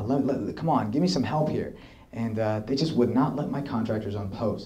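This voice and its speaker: A young man in his twenties with a mellow, warm voice tells stories from his army service to an audience. He talks lively and casually, and acts out the lines of the people he quotes. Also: lowish voice. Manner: lively anecdotal storytelling, acts out quoted dialogue. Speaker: army officer giving a talk. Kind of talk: storytelling talk to an audience. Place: hall with audience, showing slides.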